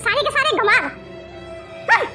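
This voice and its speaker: Woman doing a stuck-up bahu who sneers at everyone, shrill and snappy, super high voice. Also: lively intonation, rapid-fire, pushed and bright, soft background music, full character voice. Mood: furious. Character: haughty, scornful young wife who bullies her in-laws. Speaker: actor in a family drama skit. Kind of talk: melodramatic home-video acting.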